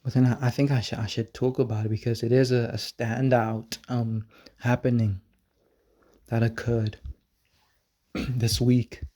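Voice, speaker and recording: Slow, mellow-voiced man telling a rambling story. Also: mid-range voice, flat delivery. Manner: rambling, halting, repeats words; irreverent, swears casually. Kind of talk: casual storytelling vlog.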